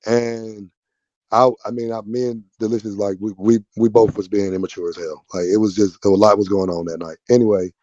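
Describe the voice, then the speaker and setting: A man's voice: lowish voice, flat delivery, a little fast, darkish tone, no room sound. A man hosting a live-stream panel, talking casually and rambling with many restarts. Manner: rambling, restarts often, addresses viewers. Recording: dull lo-fi stream audio.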